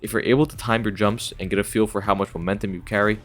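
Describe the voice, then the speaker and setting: A low male voice over faint music. He narrates a scripted gaming retrospective as the channel's host, explaining things casually like an enthusiastic fan. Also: fairly even intonation, fast.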